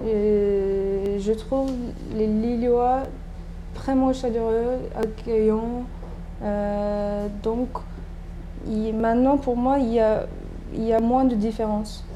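Slow-paced and mellow, a slightly high-voiced woman with a steady tone gives casual, hesitant interview answers full of fillers and restarts. She is a doctoral student in her thirties from Turkey and a native Turkish speaker, and there is noise in the background.

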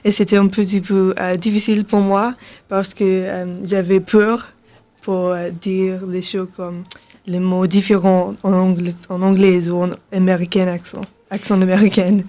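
A seventeen-year-old girl from England speaking halting, hesitant French with an English accent and many fillers, as a radio interview guest. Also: medium pitch, little pitch movement, mellow. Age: teens.

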